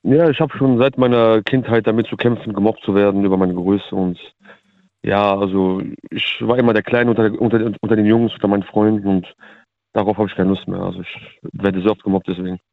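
A man's voice: on the low side, fairly even intonation, a little fast, no echo. A man in his twenties calling in over the phone to a talk show, speaking hesitantly and self-consciously. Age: 20s. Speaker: caller. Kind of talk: casual phone-in chat. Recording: tinny dry phone line.

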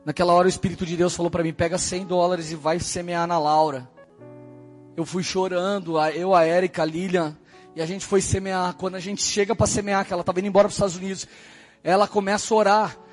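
A high-pitched, husky male pastor preaching a personal testimony, with faint music under his voice. He tells it in an animated way, bursting into shouts and then dropping low and hushed. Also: fast. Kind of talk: sermon testimony.

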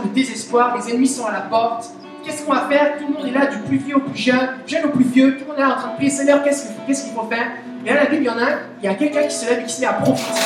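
A woman with a Québécois French accent preaching a chatty, animated sermon, asking the audience questions. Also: sits high. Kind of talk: conversational sermon. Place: church meeting hall. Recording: very echoey hall, voice from a distance. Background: soft guitar music.

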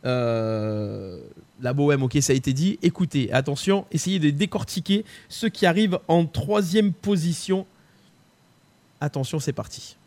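A man's voice: a little high, measured pace, darkish tone, slight background noise. A man hosting a live show, running a song quiz and prank calls in a chatty way, often repeating himself and filling gaps with hesitations. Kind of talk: lively live-stream chat.

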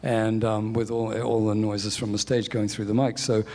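An English-born music industry executive in his sixties, raised in New Zealand, chats about his career as a guest in a conversational interview, cheerfully running himself down along the way. His voice sits lowish with a level, darkish tone at a moderate pace. A long reverb tail trails each phrase.

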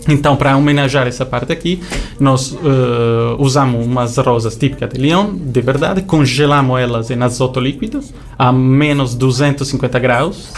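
An Italian man appears as an interview guest, describing his work as a creator of visual shows. He speaks non-native English at medium pitch and normal speed, with an Italian accent that carries a touch of Brazilian. Soft music plays in the background.

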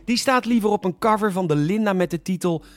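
A man hosting a scripted satirical news show, delivering sarcastic, mock-indignant commentary that sometimes bursts into shouting. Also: sits high, fast talker, dry recording.

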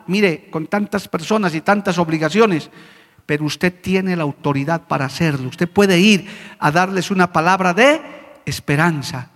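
A man's voice: high voice, fairly bright tone, in a large hall. A man preaching as pastor, earnestly addressing the congregation as brothers. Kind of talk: sermon.

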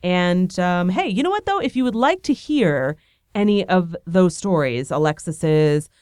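A podcast host with a cold delivers a bubbly, rambling, self-deprecating monologue, animated but a little slow. Her low-side voice stays smooth, clear, and a little mellow. The recording is dry and close, with no echo or room sound.

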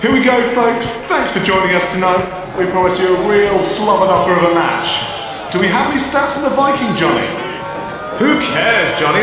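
An actor playing an excitable, over-the-top wrestling commentator in a comic audio drama, exclaiming with hype. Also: male voice, high voice. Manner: hyped, exclamatory. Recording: echoing arena, loud crowd noise.

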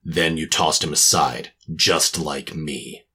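A man's voice: very deep voice, fairly even intonation, slow, sharp tone, husky, full character voice. A man playing a cynical hard-boiled private detective, narrating and talking in a clipped, sardonic tough-guy manner in a noir radio drama.

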